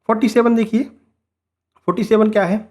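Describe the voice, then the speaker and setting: A man's voice: high-pitched, fairly even intonation, quick pace, a little mellow. A man teaching an exam-prep lesson who explains each multiple-choice answer. He asks rhetorical questions and keeps checking in with "right?". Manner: rhetorical questions, frequent "है ना?" tag; motivational asides to students.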